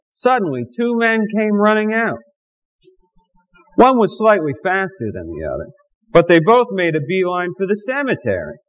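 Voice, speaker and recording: A cheeky, wisecracking male duck puppet, played by a man, full of folksy jokes. His voice sits high and swoops up and down. He drawls slowly through his tall tales for a church children's message. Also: rough recording.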